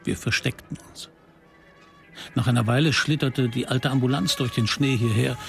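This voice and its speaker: A man narrating a radio drama in a reflective, measured way. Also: mid-range voice, creaky, lightly acted. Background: music.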